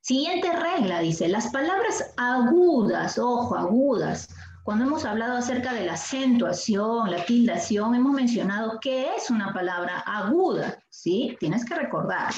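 A woman teacher with a Peruvian Spanish accent, giving a language lesson and asking the class questions, stretching out example words slowly. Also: a little high, lively intonation, a little mellow. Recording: echoey room, dull sound, faint noise.

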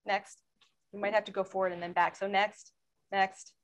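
A woman speaking as a panelist in a webinar presentation, explaining in a steady way and asking for slide changes. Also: medium pitch, moderate pace, rough recording. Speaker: federal law enforcement panelist.

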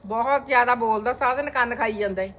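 A chatty woman talks straight to her viewers about home life, her voice bright and fairly high. She narrates in a relaxed home vlog style. Faint household noise sits behind her. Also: fast talker. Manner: chatty, addresses viewers directly. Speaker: vlogger. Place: family home with courtyard.

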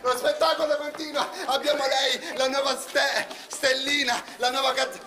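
An actor playing an excitable male variety-show presenter, calling out theatrically on stage. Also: very high-pitched, moderate pace. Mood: excited. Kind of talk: theatrical shouted announcing. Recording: distant echoey stage, loud crowd and noise.

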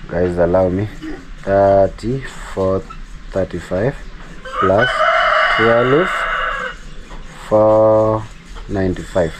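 A man with a lowish voice and a Kenyan accent chats casually in a vlog, with slight background noise behind him. He's talkative, repeats words, and warmly thanks the people who donated to support him.

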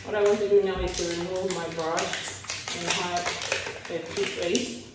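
A woman's voice: fairly low pitch, level tone, measured pace, heavy background noise. A woman vlogger casually explaining a home teeth-whitening routine while her mouth is full of charcoal paste. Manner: chatty, self-correcting, talking while demonstrating. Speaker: beauty vlogger. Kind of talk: casual how-to vlog. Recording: echoey room, voice from a distance, faint music.

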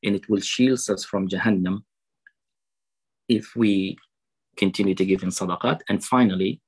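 A man with a low, husky voice preaches to an online audience for a charity drive. He recites a saying in Arabic, then slows down to translate and explain it. The sound comes through a webcam on a video call. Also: fairly even intonation, low-quality recording. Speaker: preacher at a fundraiser. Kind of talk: online fundraising sermon.

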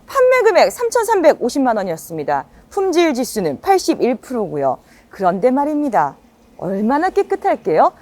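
A woman presenting a used car in a slick, polished sales pitch, full of rhetorical questions like a practiced dealer. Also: a little mellow.

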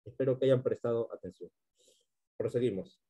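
A man's voice: medium pitch, normal speed, dark tone. A male teacher giving a literature class, explaining step by step and often checking in with his students.

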